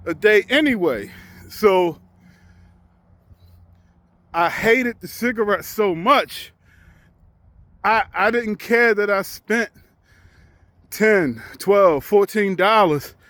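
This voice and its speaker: Out on a walk, a forties-aged truck driver reflects candidly for a casual vlog in a high-pitched, fairly bright voice. He thinks out loud and frequently starts his sentences over.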